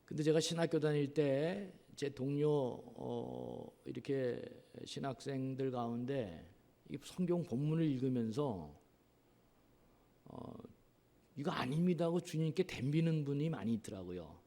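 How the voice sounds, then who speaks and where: A man preaching a sermon as pastor, earnest, asking rhetorical questions and pausing on drawn-out fillers. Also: medium pitch, gravelly, mellow. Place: church sanctuary. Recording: long reverb of a church hall.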